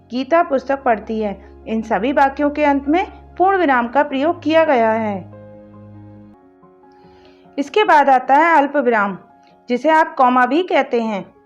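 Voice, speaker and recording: High-voiced woman teaching grammar. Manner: slow and deliberate when reading example sentences aloud. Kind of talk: classroom lesson, explaining with examples. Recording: dull lo-fi sound with faint music behind.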